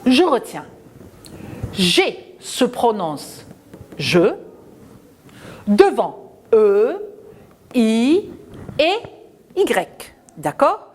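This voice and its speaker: A woman teaching a children's phonics lesson, patient and questioning, spelling out letters and sounds slowly. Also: a little high, darkish tone.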